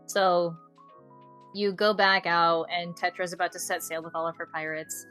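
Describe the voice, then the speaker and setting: Bright-voiced woman streamer chatting. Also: lowish voice, normal speed, faint music behind. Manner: animated storytelling with many fillers and laughs. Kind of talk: casual chat.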